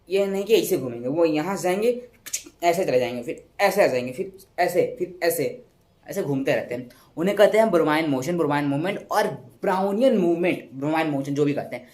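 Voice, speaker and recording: A young man teaches a science lesson in a loose, talkative way. His voice sits a little high, and he often repeats words, stumbles over terms and corrects himself. He acts out sounds to make his points. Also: darkish tone. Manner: chatty, repeats words, self-corrects, uses sound effects. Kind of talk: casual classroom explanation.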